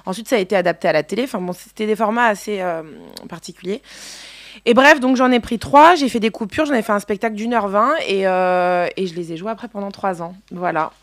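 A young woman chats as a radio guest, spinning lively anecdotes with frequent laughs and hesitant fillers. Her voice sits in a middle register and sounds close and dry, with no room around it. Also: mid-range voice, a little fast, no room sound. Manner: lively storyteller, laughs often, many fillers. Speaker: actress guest. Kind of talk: casual radio chat.

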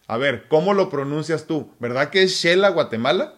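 A man's voice: a little high, lively intonation, moderate pace. Joking man co-hosting a live stream. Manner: joking and expansive, laughs often. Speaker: co-host. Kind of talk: casual live-stream chat.

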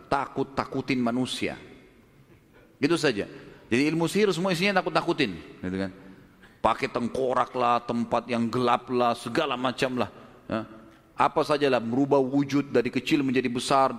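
A male preacher telling a story in a sermon, in a casual, colloquial way full of tag questions. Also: medium pitch. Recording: long hall reverb.

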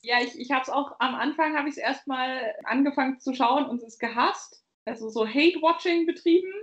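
A high-voiced woman from Bavaria, Germany, talks at a normal speed as a podcast co-host, chatting casually, rambling and laughing often. The sound is lo-fi.

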